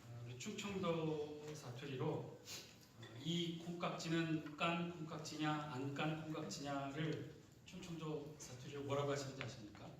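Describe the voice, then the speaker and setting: A man preaching a Sunday sermon, talking with his congregation and tossing them questions, now and then mimicking regional dialect words for fun. His voice sits a little on the high side. It rings through a very echoey church hall from a mic some distance away, with faint room noise. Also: a little slow. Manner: conversational, asks the congregation questions and repeats their answers. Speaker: pastor. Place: church sanctuary.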